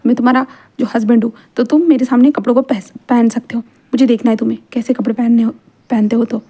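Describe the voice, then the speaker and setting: A woman's voice: a little high, steady tone, quick pace, warm tone, close to an everyday voice. A woman doing a teasing shameless young husband. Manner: playful, pushy, teasing.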